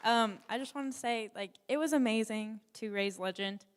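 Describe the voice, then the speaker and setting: Woman, puppy raiser, emotional halting remarks, hall reverb. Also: a little high, clear, resonant tone, a faint crowd. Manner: emotional, tearful, hesitant. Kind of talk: graduation speech.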